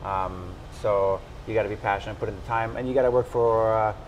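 Male chef, 30s, German accent, relaxed interviewee, lowish voice, lapel mic in a restaurant. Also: a little fast, highs cut off, a little hiss or hum. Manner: calm, frequent "uh" and "you know" fillers. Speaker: executive chef. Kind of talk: casual interview. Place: restaurant booth indoors.

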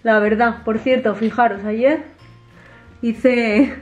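A woman's voice: fairly high pitch, takes it slowly, faint music behind. A woman, chatting casually to viewers in her home kitchen as a vlogger. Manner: chatty, animated, addresses viewers directly. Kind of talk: casual home vlog chat.

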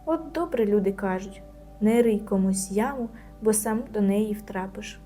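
A woman's voice: mid-range voice, a little slow, warm tone, faint music behind, close to an everyday voice. A woman voicing a proud, stubborn schoolgirl in a storybook reading, musing and indignant. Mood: puzzled.

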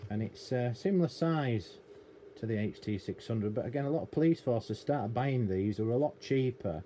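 A middle-aged British man, a radio technician and hobbyist presenter, rambles through an unscripted, matter-of-fact hands-on explanation at a cluttered indoor electronics workbench. His voice is medium-pitched and dark, with lively intonation at a normal speed. Noticeable room noise sits behind him.

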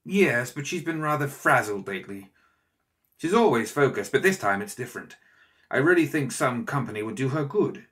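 A man's voice: medium pitch, very animated, normal speed, voice pushed up. A man doing a jovial kindly old scientist. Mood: concerned. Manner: jovial, warm, eager. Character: kindly, eager older male scientist husband. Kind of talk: audiobook character voice.

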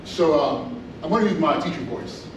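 A middle-aged school principal from Inglewood, California, gives an animated conference presentation full of restarts and fillers. His voice is on the high side at normal speed. He was recorded from far off by a camera without a mic in a large, echoey hotel meeting room, with audible noise.

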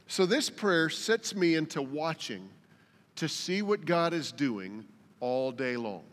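An older male pastor preaches in a folksy, joking way, telling stories to his congregation. His voice sits a little high and swings up and down with plenty of life. The sound rings with a long reverb from a church hall. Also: lively intonation, takes it slowly, fairly bright tone. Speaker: lead pastor. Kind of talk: sermon. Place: church sanctuary.

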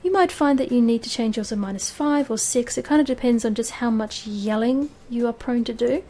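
A woman's voice: a little high, a little fast, warm tone. A woman hosting a casual streaming tutorial, chatty and laughing at herself, on a desk microphone. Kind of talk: casual screen-recorded tutorial. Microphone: desk microphone with audio filters. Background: fan hum and birds.

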